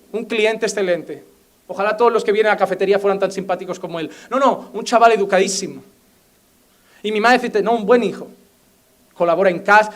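A young man preaching a fervent sermon as a pastor, often mimicking the voices of imagined people. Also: high-pitched. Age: young adult.

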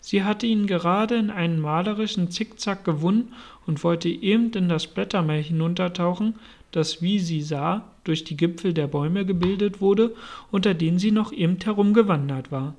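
A steady reader narrates a classic storybook. The voice sits at a middle pitch and takes its time. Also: moderate pace. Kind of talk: storybook reading.

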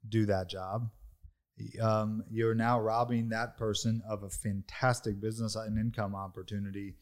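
Low-voiced man coaching in a chat. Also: level tone, moderate pace. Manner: coaching, emphatic, laughs easily. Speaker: podcast host. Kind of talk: casual business chat.

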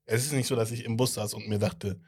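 A man's voice: lowish voice, steady tone, fast, a little mellow, breathy edge. A young man co-hosting a podcast in casual chat, blunt and teasing, with slangy talk. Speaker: podcast co-host.

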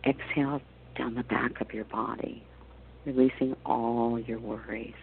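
A man leading a guided meditation as a spiritual teacher, giving slow, counted deep-breath instructions in a hushed, soothing, measured way with long pauses. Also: fairly even intonation, creaky, a little hiss or hum. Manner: soothing, hushed, measured delivery with trailing soft phrase endings. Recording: dull lo-fi audio with soft music. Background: soft meditation music.

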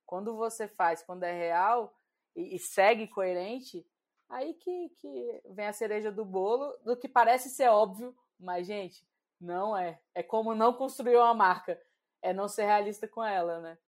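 A woman's voice: mid-range voice, a little slow. Brazilian woman steering a podcast chat. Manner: leads the questions, conversational. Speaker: podcast co-host.

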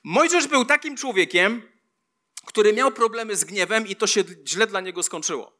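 A man's voice: high voice, lively intonation, moderate pace, pushed and bright. A man preaching a sermon, reading scripture aloud and repeating key lines for emphasis. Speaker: pastor.

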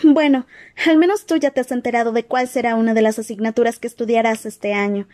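Chica lista de audiolibro, aguda, nerviosa, rápida, interpretada por una narradora. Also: female voice, fairly high pitch, fairly even intonation, a little mellow, voice pushed up, natural voice. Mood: anxious. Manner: quick, anxious, insistent. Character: eager clever teenage witch girl. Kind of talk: audiobook character voice.

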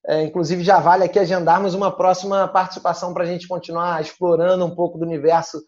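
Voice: medium pitch, flat delivery, fast, darkish tone. A podcast host who speaks politely with slightly formal phrasing while moving the show along. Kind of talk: hosting a podcast. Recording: slightly muffled audio.

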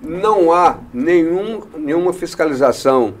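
A man's voice: fairly high pitch, expressive, measured pace, slight background noise. A Brazilian man hosting a talk show, talkative and opinionated, firing rhetorical questions at his guests. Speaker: radio show host. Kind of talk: casual chat.

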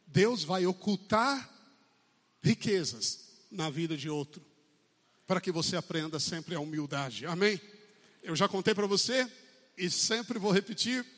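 A man's voice: high voice, a bit bright. A man preaching a sermon in a church service, with a Brazilian Portuguese accent, emphatic and often calling for amens. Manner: emphatic, calls out for amens, acts out quotes. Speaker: pastor. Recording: long church hall reverb.

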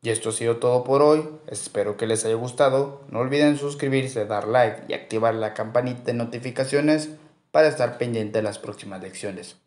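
A man teaching a beginner language lesson, reading out vocabulary slowly and repeating each word twice. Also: mid-range voice, darkish tone, roomy sound. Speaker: English teacher. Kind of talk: slow instructional vocabulary drill.

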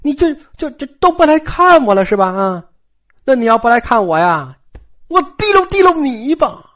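Storyteller doing a high, sing-song scornful old grandmother in a story. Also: very animated, normal speed, fairly bright tone. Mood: sarcastic. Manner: grumbling, dismissive.

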